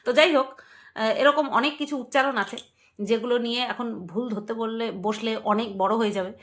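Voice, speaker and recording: A woman's voice: a little high, fairly even intonation, moderate pace. A woman vlogger chatting casually to her viewers, emphatic and playful, repeating words and laughing often. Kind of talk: casual commentary to camera.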